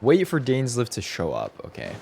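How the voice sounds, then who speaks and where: A man streaming a video game, joking and reacting loudly in casual commentary. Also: mid-range voice, wildly swooping pitch, moderate pace, vocal fry, husky.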